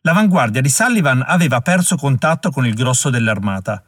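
A man narrating an audiobook in a measured way, slowing down at dramatic moments. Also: medium pitch, lively intonation, dry recording, clean studio sound. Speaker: audiobook reader.

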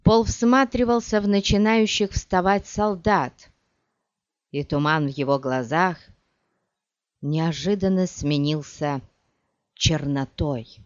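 An audiobook narrator reading in a slow, measured manner. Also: mid-range voice, no echo. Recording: dull lo-fi dry audiobook recording.

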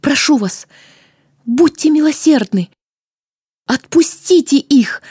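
A young heroine pleads desperately for mercy, as a woman puts her on, her voice lifted high and urgent. The tone stays mellow, recorded close and dry. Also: expressive, takes it slowly, no room sound. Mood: pleading.

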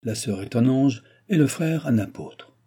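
A man's voice: medium pitch, expressive, a little slow, breathy edge, pitched above the performer's own voice. A man doing a scornful old baron, blustering. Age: older. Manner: blustering, mocking, loud outbursts. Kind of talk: audiobook character voice.

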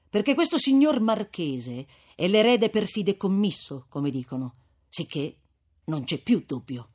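A man reading an audiobook voices an earnest young bridegroom who speaks with urgent, eager bursts. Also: a little high.

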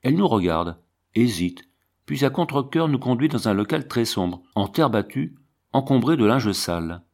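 A man reading a classic novel aloud as an audiobook, in a measured narrating voice. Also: mid-range voice, big pitch swings, a little mellow. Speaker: audiobook reader.

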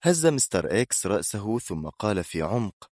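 A man's voice: on the low side, normal speed, no echo, clean studio sound. A man reading a thriller aloud in scripted, dramatic narration. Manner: dramatic, expressive storytelling.

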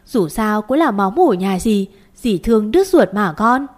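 A woman voicing a brash, quarrelsome middle-aged mother who wails and shouts. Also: medium pitch, expressive, measured pace. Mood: wailing. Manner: loud, wailing, coarse.

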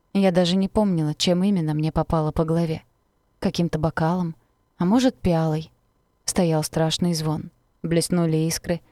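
A woman narrating a novel in the first person, in a measured, intimate way. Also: sits low, dark tone, dry recording, studio quality. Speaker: audiobook narrator.

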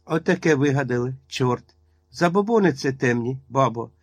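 A man's voice: medium pitch, animated, moderate pace, no echo, close to an everyday voice. Man voicing a curt young witch woman. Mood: defiant. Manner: curt and retorting.

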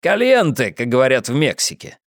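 A pushy, slick publisher, coaxing and unflappable in a lively voice, as a male narrator puts him on. Dry, close reading. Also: mid-range voice, fairly quick, dry recording, lightly acted. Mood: wheedling.

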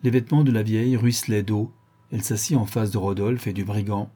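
A man narrating a classic novel as an audiobook in a measured, even storytelling manner. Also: fairly low pitch, breathy edge.

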